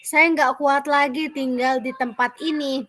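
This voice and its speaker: Woman reading a tired, fed-up turtle, slow and bright. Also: sits high, steady tone. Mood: weary. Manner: tired, plain reply. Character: weary female turtle leaving home.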